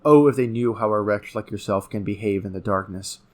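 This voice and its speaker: Male reader as gloating villainous rival of verse epic, lowish pitch, pompous, scornful oratory in dactylic metre. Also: fairly quick, lightly acted. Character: gloating, contemptuous male French villain, a treasure-hunting rival.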